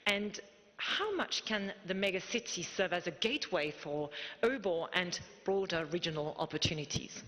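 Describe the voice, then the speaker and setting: A woman hosts a forum conversation in a bright, forceful voice. Her delivery is polished and formal. The sound carries a long hall reverb. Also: fairly low pitch, lively intonation, normal speed. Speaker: moderator. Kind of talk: formal interview hosting. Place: forum stage in a large hall. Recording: stage audio in a large hall.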